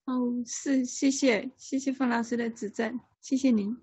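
A woman student practicing aloud, soft and polite in manner. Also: on the high side, fairly even intonation, measured pace, husky, dry recording, rough recording. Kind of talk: practicing aloud in an online class.

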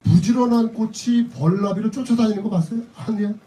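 A middle-aged man giving a motivational seminar talk in a lecture hall. His voice sits high but sounds very dark and mellow, and the mic picks it up from a little way off. He is emphatic and repeats his key lines. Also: brisk. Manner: emphatic, repeats key phrases, drops into blunt casual speech. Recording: voice a bit distant from the mic.

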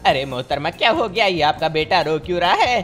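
A man's voice: a little high, lively intonation, fairly quick, a bit bright. A man narrating a comedic game role-play, playful and dramatic. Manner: playful, dramatic, switches between silly character voices. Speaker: gaming video narrator. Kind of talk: comedic GTA role-play voicing cartoon characters.

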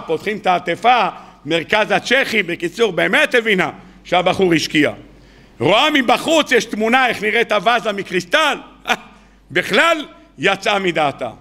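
A man, a rabbi, preaching to an audience in a colloquial storytelling sermon, acting out the people in his tales. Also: high-pitched. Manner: colloquial, addresses the audience as "gentlemen". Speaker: rabbi giving a weekly Torah talk. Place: evening lecture before an audience.

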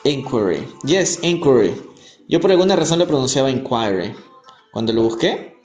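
A man from Peru teaching English on a live stream, reading aloud and explaining words in Spanish, repeating each pronunciation slowly. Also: mid-range voice, sing-song, darkish tone, dull audio. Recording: echoey room, faint music behind.

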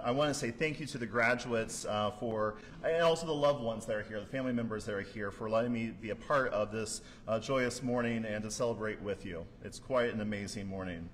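A man, a board member, giving a measured, prepared speech to graduates in an echoey hall. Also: medium pitch. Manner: measured, formal with occasional fillers. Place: large hall at a graduation ceremony. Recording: echoey hall with faint noise.

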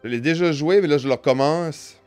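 A man's voice: fairly high pitch, brisk, a little mellow, soft background music. Canadian French man reading game text. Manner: reads on-screen text aloud, stumbling and restarting. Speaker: gaming video host. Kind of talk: reading game narration aloud while playing.

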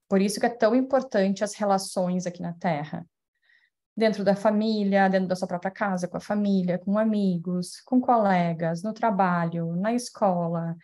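A woman speaks at an ordinary pitch with a mellow, warm tone. She delivers a public spiritual talk from home through a webcam microphone. She is thoughtful and explanatory, with frequent fillers and tag questions. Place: home, indoors, over video call. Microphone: webcam mic on video call.

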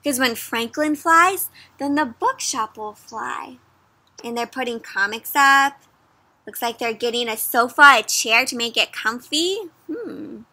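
Outdoors under the trees, a young woman hosts an interactive picture-book read-aloud for kids. Her very bright, high voice is animated and engaging, moving at a measured pace as she peppers young listeners with questions.

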